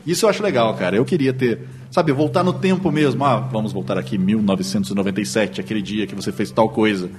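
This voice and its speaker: A man's voice: on the low side, fast, hardly any pauses, noisy background. A man with a Brazilian Portuguese accent co-hosting a casual podcast chat over drinks, full of sarcastic wisecracks. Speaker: podcast co-host.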